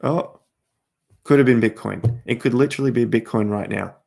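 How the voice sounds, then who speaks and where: A man hosting a casual crypto livestream, talking straight to viewers as he walks through charts, his voice going hoarse with coughs. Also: mid-range voice, moderate pace, a little mellow. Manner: chatty, talks straight to viewers while walking through charts. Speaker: crypto market host.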